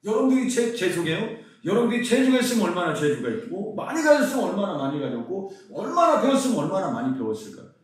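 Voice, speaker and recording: A man's voice: sits high, quick pace, few pauses. A middle-aged male pastor from Seoul preaching a conference sermon, asking the crowd questions as he goes. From Seoul, South Korea. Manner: lively preaching with rhetorical questions. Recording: very echoey hall, mic far off.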